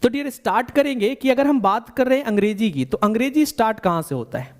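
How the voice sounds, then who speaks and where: With an extremely high pitch and lively intonation, a man leads a bilingual spoken English lesson. He breaks explanations into steps, repeats his questions to the learner, and slows down for dictated definitions.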